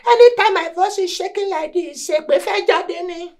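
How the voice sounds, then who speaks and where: A man acting a stern Nigerian prophet who gives slow, commanding orders and threatens curses in a gospel comedy drama. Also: extremely high pitch, darkish tone. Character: stern male prophet demanding obedience.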